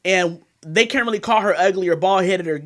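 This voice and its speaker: A woman in her thirties from California speaks frankly and at length as a guest in a candid interview, rambling and leaning on "you know what I mean." Her voice is lowish and a little fast.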